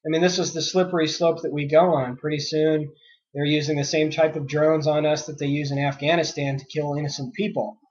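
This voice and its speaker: A man hosting his own news commentary podcast, his voice sitting a little high. He reads articles aloud, then breaks into indignant rants full of uh fillers, and he is a bit sick with a cough. The recording is dull and lo-fi. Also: little pitch movement, fairly quick, a little mellow.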